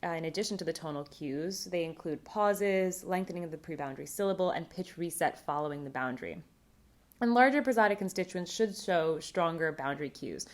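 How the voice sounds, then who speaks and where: Measured woman giving a linguistics talk. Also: lowish voice. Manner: clear, measured, explanatory. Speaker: linguistics conference presenter. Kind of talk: recorded academic talk.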